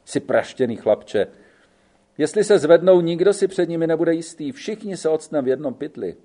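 A man's voice: a little high, animated, dark tone, pitched above the performer's own voice. A man reading the part of an old gendarme in an audiobook, speaking bluntly and in a fatherly way. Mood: scolding. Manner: blunt, fatherly, calls the other man boy. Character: gruff old male gendarme, weary, blunt.

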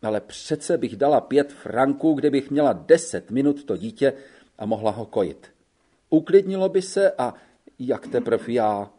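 A man with a medium-pitched, husky, warm and expressive voice narrates as a young Italian woman who works as a wet nurse. Tired on a hot train ride, she complains plaintively, sighing through her grievances.

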